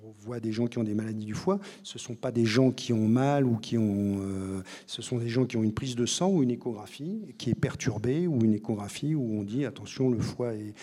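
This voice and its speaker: A man's voice: mid-range voice, brisk, few pauses, mellow. Man in his role as a doctor explaining with lots of fillers, plain medium voice. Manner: didactic, many fillers and restarts. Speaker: liver doctor and author. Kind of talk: explanatory interview talk.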